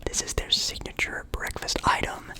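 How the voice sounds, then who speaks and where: A young man whispering casually as an ASMR creator, chatting about food between bites. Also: moderate pace.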